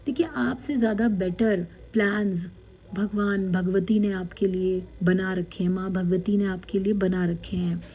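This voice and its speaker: A woman tarot card reader, gently guiding viewers through a spiritual card reading, with many fillers. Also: mid-range voice, fairly even intonation. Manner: slow, gentle guidance with many fillers, reading card messages aloud in English.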